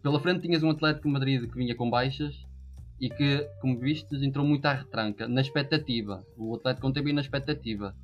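A man's voice: medium pitch, quick pace, lo-fi sound, faint music behind. A man giving casual football analysis as a panellist, emphatic and often repeating his phrases.

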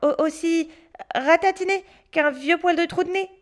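A woman's voice: very high-pitched, normal speed. A woman voicing a cheeky, frightened little boy in a storybook. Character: small scared boy, whiny and cheeky.

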